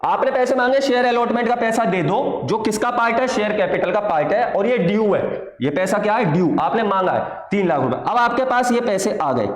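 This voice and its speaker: High-voiced teacher in an echoey room. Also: male voice, lively intonation. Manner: asks questions and answers them himself, dictates slowly word by word; patient, calls students "my child". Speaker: accounts teacher. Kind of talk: classroom lecture. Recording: echoey room with long reverb.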